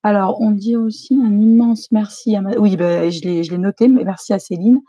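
Brief: female live-stream host, mellow tone, dry close recording, chatty, reads viewer chat aloud. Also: medium pitch, fairly even intonation, moderate pace, slightly rough, no room sound.

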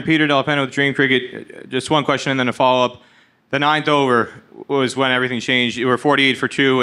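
A male reporter with a smooth, bright voice that stays level in pitch. He lays out a detailed, precise question at a press conference. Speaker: cricket reporter.

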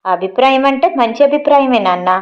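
A woman's voice: high voice, expressive, brisk, highs cut off. Woman voicing an angry reproachful son. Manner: sharp and reproachful. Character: young adult son, angry at his father.

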